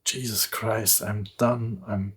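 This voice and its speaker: A man in his thirties with a German accent shares a candid personal story on his vlog, relaxed and chatty, laughing often. His voice is lowish and slightly rough, and he takes his time.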